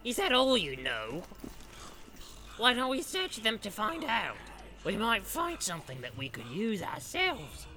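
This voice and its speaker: A man voicing a wary, greedy male orc grunt with a shrill, questioning manner. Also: wildly swooping pitch, measured pace, sharp tone, exaggerated voice. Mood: wheedling.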